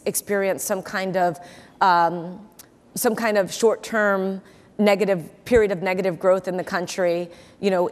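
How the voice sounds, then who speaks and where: A woman's voice: on the low side, a little mellow. A woman in her forties, an investor interviewed on stage, speaking confidently and repeating words for emphasis into a lapel mic. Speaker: investor and keynote guest. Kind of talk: onstage interview. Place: large conference hall stage. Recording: long hall reverb.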